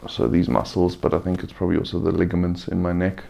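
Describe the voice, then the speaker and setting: A man gives an unscripted vlog-style update while weary from surgery. His voice is deep and very creaky, with an almost completely flat melody. He talks in a subdued, halting way, nursing a sore throat. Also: a little hiss or hum. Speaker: vlogger giving a recovery update. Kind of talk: casual personal update, unscripted.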